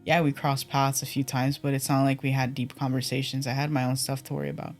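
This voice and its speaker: A man's voice: medium pitch, completely flat delivery, fast, soft background music, natural voice. A man reading aloud the game part of a curt, irritable young villager with a dismissive manner.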